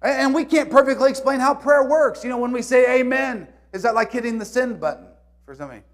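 A man preaching a sermon as pastor in a church, earnest, moving between loud emphasis and soft, hushed reading. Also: very high-pitched, fast. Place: church sanctuary.

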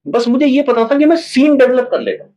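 A man's voice: very high-pitched, a little fast, low-quality recording. A man who writes and stages plays, talking casually in an interview and acting out little examples as he tells stories. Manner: animated storytelling, acts out examples. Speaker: playwright and theatre director.

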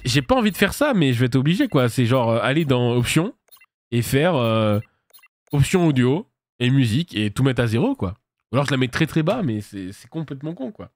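A man streaming a video game live, chatting casually with viewers and reacting loudly as he plays, laughing often. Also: mid-range voice, big pitch swings, a little fast. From France. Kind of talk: casual live gameplay commentary.

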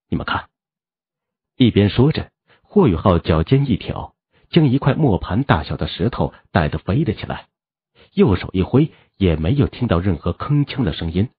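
A man narrating a fantasy novel as an audiobook, in an animated storytelling manner. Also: low-pitched, slightly rough, dry recording, narrow, tinny audio.

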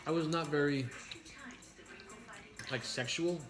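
A man's voice: a little high, fairly even intonation, takes it slowly. Guy in his 30s live-streaming dinner at home, crude jokey talk, music playing behind. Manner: crude, joking, reads viewer names aloud. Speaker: mukbang streamer. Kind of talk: casual live-stream chat while eating. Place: home kitchen at a dining table.

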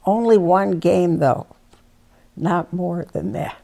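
In her living room at home, an older woman reminisces in an interview about her children and her long marriage. Her fairly low voice moves slowly with vocal fry, and she sounds warm, proud, and gently wry.

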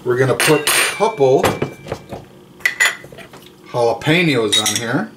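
A man's voice: mid-range voice, lively intonation, heavy background noise. A man in his thirties hosting a casual home cooking video, talking in an easygoing, jokey way while he cooks and tastes. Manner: slow, easygoing, jokey, chews between remarks. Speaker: cooking vlog host. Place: home kitchen and dining room, indoors.

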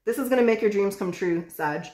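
A woman giving a casual tarot reading, chatty and excitable, who swears freely. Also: mid-range voice, fairly quick, roomy sound. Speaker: tarot reader.

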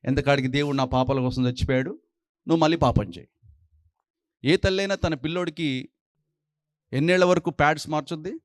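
A man preaching a sermon as pastor, scolding his listeners with rapid-fire rhetorical questions. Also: on the high side, no room sound, clean studio sound.

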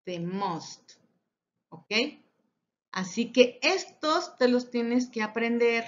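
A woman teaching an English lesson, speaking deliberately and repeating each example sentence. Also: on the high side, animated. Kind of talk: recorded classroom lesson. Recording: dull lo-fi audio.

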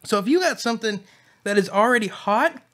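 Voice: medium pitch, lively intonation, a little fast, a bit bright. Stammering, earnest hot-sauce show co-host. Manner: repeats and restarts words often, earnest. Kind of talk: casual chat while eating hot sauce.

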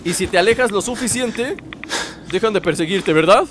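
An excitable young man, narrating his gameplay with jokes and asides to viewers. His voice sits high for a man, with a faint hiss of noise behind it. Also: normal speed. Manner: excitable, jokey, talks to viewers, yells when startled. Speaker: gaming YouTuber. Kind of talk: let's play commentary.

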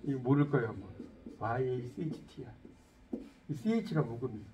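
With a mid-range voice at a moderate pace, a middle-aged man delivers a Korean-language English lesson. He is lively, quizzing the class and mixing in jokes.

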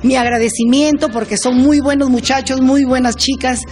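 A woman's voice: high-pitched, steady tone, moderate pace, a little mellow, soft background music. Older woman restaurant owner, earnest. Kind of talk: interview. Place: restaurant kitchen.

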